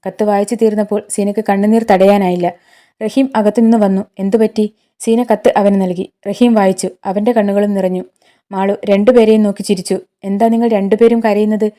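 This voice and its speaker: A woman narrating a scripted emotional story in a calm, measured reading. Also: medium pitch.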